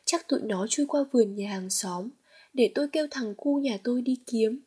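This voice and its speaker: A woman's voice: a little high, normal speed, warm tone, husky. Woman doing a fretful farm wife. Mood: calling out. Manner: anxious, fumbling for words. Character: fretful rural farm wife, middle-aged.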